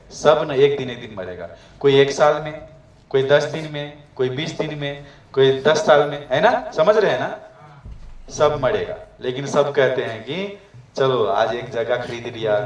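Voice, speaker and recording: A man's voice: medium pitch, recorded from a distance. Man from Nepal preaching in an echoey room. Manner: asks the audience questions often. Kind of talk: devotional talk to migrant workers. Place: room abroad with a gathering.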